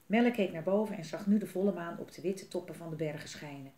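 A woman's voice: lowish voice, quick pace. Woman reading a storybook, echoey. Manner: lively, expressive reading. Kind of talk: reading a children's book aloud.

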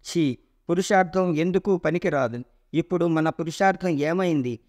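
A wise old creator god from a myth retelling, steady and authoritative as he consoles, read by a man with a fairly high voice. He lays out fate with measured calm. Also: close to an everyday voice. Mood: consoling.

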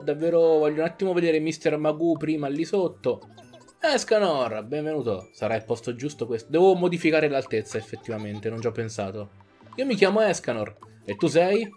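A man's voice: on the high side, a little mellow. A young man giving jokey, casual commentary while playing a video game, sometimes reading game lines aloud in playful voices. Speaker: gaming YouTuber. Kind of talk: casual let's-play commentary. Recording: faint game music behind.

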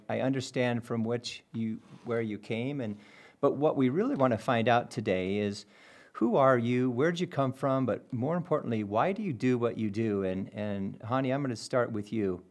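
A man's voice: mid-range voice, a little mellow. A middle-aged man hosting a podcast, greeting guests and steering the conversation with friendly questions. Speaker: podcast host. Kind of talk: podcast interview. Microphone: headset with podcast mic.

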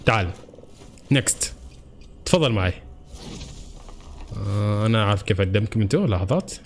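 A man with a Gulf Arabic accent giving excitable gameplay commentary to his viewers, yelping when in danger. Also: mid-range voice. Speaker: gaming channel host.

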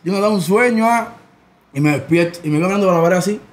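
Fast-talking Cuban man telling stories. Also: sits high. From Cuba. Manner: animated, rapid storytelling. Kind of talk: casual storytelling.

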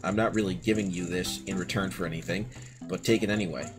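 A big, boastful chieftain of a rock-creature race, read out by a man in his own easygoing voice who lays out his terms plainly. The voice sits low, and game music plays clearly underneath. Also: fairly even intonation, fast, close to an everyday voice. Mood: gruff bargaining. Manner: reading in-game text aloud in plain voice. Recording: game music playing behind.

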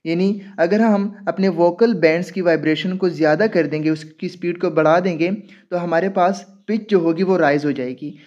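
A man giving a recorded linguistics lecture, explaining step by step and reading English definitions slowly and deliberately. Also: high voice, steady tone, darkish tone, highs cut off.

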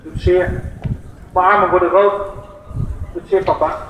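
A man reading aloud and voicing a three-year-old boy in pain, raising his voice to cry out, heard over an echoing outdoor loudspeaker. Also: high voice, fairly even intonation, measured pace, phone-quality sound, a little hiss or hum. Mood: pleading. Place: outdoor demonstration through a loudspeaker. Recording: echoey outdoor PA sound.

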